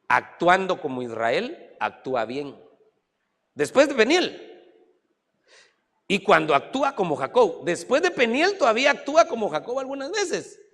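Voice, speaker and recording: A man pastor preaching a sermon, swinging from loud exclamations to low asides. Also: in a large hall.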